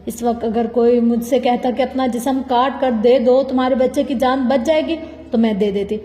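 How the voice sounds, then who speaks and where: An audiobook narrator with a slightly high, mellow voice reads a novel in the first person, her intonation fairly even yet intense and heartfelt. The room is echoey, with a long reverb.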